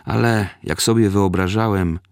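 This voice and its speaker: A man with a very low, gravelly voice reads a first-person memoir at an even, unhurried pace. The sound is dry and close, with no room around it. He tells the story plainly and steadily. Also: dry recording.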